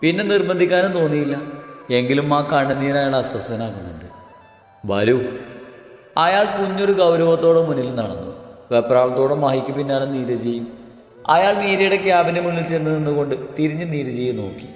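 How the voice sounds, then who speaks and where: Man narrating a story in a reverberant room. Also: a little high. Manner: steady, measured story reading. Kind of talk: scripted narration. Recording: roomy long reverb, faint music.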